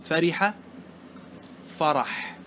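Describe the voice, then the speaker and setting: A man's voice: fairly high pitch, very slow, bright, forceful tone, slight background noise. A man teaching Arabic grammar, patiently asking and answering his own questions as he explains a verse poem.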